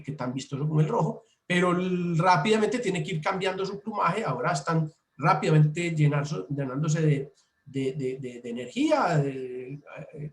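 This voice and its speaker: Male presenter from Colombia, fairly high voice, explanatory and repetitive, echoey room. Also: a little mellow. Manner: explanatory, repeats himself, hesitant restarts. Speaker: birding workshop presenter. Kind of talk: online slide presentation. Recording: roomy echo.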